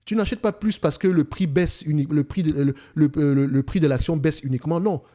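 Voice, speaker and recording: A man's voice: a little high, fairly quick, warm tone. A man with a Cameroonian French accent, hosting an investing channel in an emphatic casual monologue, often restarting and repeating himself.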